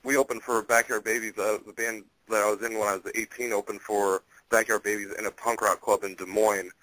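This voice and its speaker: A man's voice: lowish voice, flat delivery, fairly quick, a bit bright, dry recording, low-quality recording. A man chatting and joking on a casual radio show, rambling through his questions.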